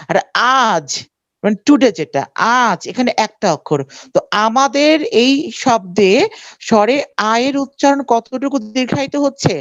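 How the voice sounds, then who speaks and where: A woman's voice: a little high, no room sound, muffled recording. A woman teaching a live online grammar class, explaining patiently, often checking whether students follow, and stretching words syllable by syllable.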